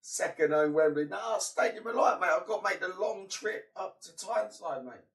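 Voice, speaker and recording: With a high, lively voice that's a bit bright, a young man casually narrates his football management game stream at normal speed, muttering between bursts. He's congested and his voice is fading. The recording was made from a distance.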